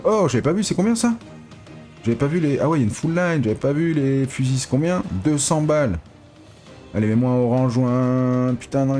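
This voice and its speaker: A man giving excitable, casual live commentary as a casino streamer, pleading with the reels and swearing. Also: medium pitch.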